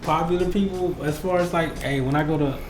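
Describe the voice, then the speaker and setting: A man's voice: on the high side, fairly quick. A man hosting a casual interview, speaking in a slangy, conversational, buddy-like way. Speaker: interviewer and host. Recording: roomy echo with music behind.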